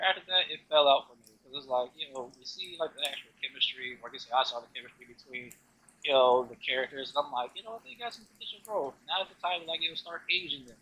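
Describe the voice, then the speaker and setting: A man's voice: on the high side, expressive, quick pace, bright, forceful tone, husky, poor audio. A man of about thirty talking in laid-back casual chat, full of "you know" fillers. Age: 30s.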